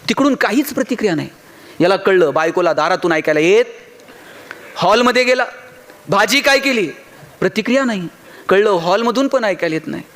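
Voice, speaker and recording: High-voiced man giving a motivational speech. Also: a bit bright. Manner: humorous storytelling, addresses the audience directly. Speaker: motivational speaker.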